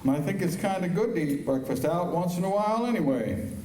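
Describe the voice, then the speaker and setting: A man acting as a steady, kindly American marshal in a Western radio play. His tone is mellow and slightly high, calm and plainspoken. He sounds distant from the mic. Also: fairly quick. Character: steady, kindly, weary frontier town marshal. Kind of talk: stage performance of old-time Western radio drama. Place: high school auditorium stage. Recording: echoey auditorium, distant mic.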